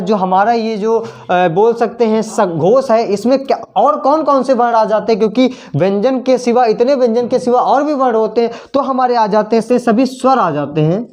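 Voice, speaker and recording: A male teacher giving a slow classroom lesson, often repeating words while he writes on the board. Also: very high-pitched. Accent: Hindi.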